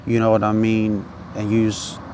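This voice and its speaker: An independent music artist with a low, warm, monotone voice speaks a little slowly in a loose, laid-back stoner drawl. His casual rambling is full of slang, swearing, and repeated tag phrases, with a little hiss or hum audible.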